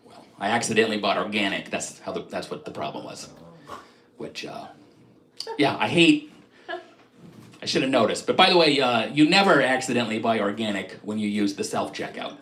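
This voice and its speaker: A middle-aged man doing a self-deprecating stand-up set on a live stream, jumping into quick bits where he acts out shoppers and clerks. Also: on the low side, expressive, fairly bright tone, roomy sound. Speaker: stand-up comedian.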